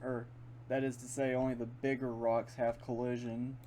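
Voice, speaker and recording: Here a male gaming video host, speaking at normal speed in a warm, level, medium-pitched voice, plays in his room. His commentary is casual and unscripted, full of rambling and thinking aloud. Keyboard and mouse clicks sound over the steady hum of a fan.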